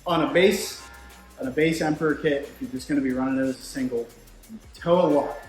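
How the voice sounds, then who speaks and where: Speaking briskly in a mid-range, darkish voice, this man chats conversationally as a product expert, giving casual, explanatory shop talk about technical things. The room echoes, music plays, and shop machinery keeps running in the background.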